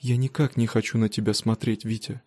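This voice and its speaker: A man reading a hurt, quietly firm young bride. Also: fairly low pitch, flat delivery, fairly quick, dry recording, close to an everyday voice. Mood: cold. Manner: quiet, restrained. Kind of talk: audiobook reading.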